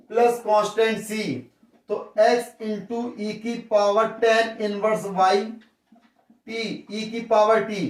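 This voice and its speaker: A man's voice: high-pitched, distant mic. A man with a western Uttar Pradesh Hindi accent, working through a maths problem step by step as a teacher, talking casually to his viewers. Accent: Hindi as spoken in western Uttar Pradesh. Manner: talks through steps, addresses viewers as brother. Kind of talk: worked-solution lesson. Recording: roomy echo, off the mic.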